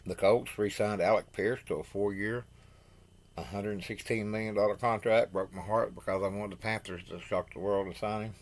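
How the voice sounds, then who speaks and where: Low-voiced man reading football news. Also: fairly even intonation. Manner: halting, apologetic, stumbles over names; opinionated asides. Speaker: host. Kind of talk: reading NFL news from notes.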